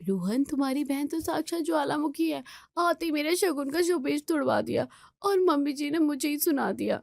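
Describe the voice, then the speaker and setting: A woman voicing a polite, gentle young new daughter-in-law. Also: high voice, moderate pace, vocal fry, no echo, studio quality, pitched above the performer's own voice. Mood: complaining.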